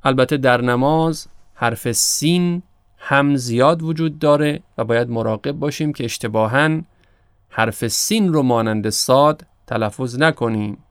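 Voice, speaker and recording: A man, teaching prayer pronunciation in a slow, careful instructional style. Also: medium pitch, smooth, dry recording, studio quality. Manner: slow, careful demonstration of Arabic letters. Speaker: Quran recitation teacher.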